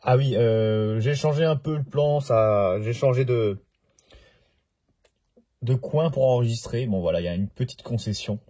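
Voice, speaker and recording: Husky chatty man showing toy cars. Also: mid-range voice, unhurried, mellow. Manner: chatty, self-interrupting, jokey. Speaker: diecast car collector. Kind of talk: casual collection vlog. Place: home collection corner.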